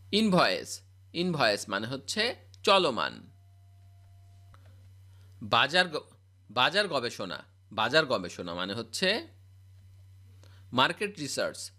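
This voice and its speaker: A man's voice: medium pitch, bright, forceful tone. A man reciting a scripted vocabulary drill as a spoken English teacher, repeating each word and its meaning.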